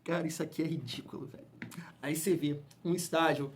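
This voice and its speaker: Man, high-pitched, heated and opinionated, casual football talk. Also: fairly even intonation, brisk. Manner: opinionated, heated, colloquial, addresses fans as family. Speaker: football channel host. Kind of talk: casual football commentary to viewers.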